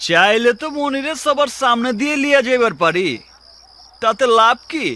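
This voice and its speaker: A man's voice: extremely high pitch, expressive, normal speed, sharp tone, heavily acted. A man playing a cocky, scheming, street-smart suitor in a comic film, swaggering in an Old Dhaka accent. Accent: Old Dhaka Bangladeshi.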